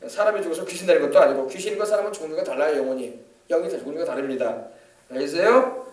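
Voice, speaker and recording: A man's voice: a little high, lively intonation, fast, echoey room, distant mic. A male pastor preaching a sermon with emphasis, often asking the congregation to confirm. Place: church sanctuary.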